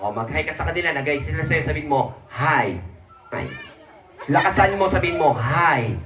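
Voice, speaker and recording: A man hosting a live children's puppet show at a birthday party, excitable, scolding and laughing a lot. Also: fairly high pitch, racing, recorded from a distance, crowd noise. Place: birthday party in a large hall. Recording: echoey hall from afar with music.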